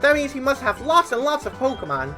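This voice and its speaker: Woman doing a high chipmunk-voiced hyper boy. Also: soft background music, exaggerated voice. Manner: rushed, excitable. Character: hyper caffeinated young boy rival. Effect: high sped-up chipmunk-like voice. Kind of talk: let's play voice acting.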